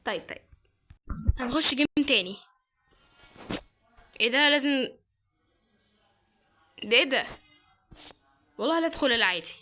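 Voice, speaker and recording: A woman's voice: high voice, lively intonation, normal speed, pauses often, pushed and bright. A young woman with an Egyptian Arabic accent, chatting and thinking aloud as she plays a horror game, with startled exclamations. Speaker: gaming channel host. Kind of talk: let's-play commentary.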